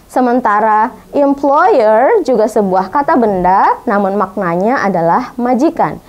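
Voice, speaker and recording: Slow, lively Indonesian woman teacher. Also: a little high, muffled recording. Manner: slow, careful pronunciation drills, repeating each word. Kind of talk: bilingual English vocabulary lesson.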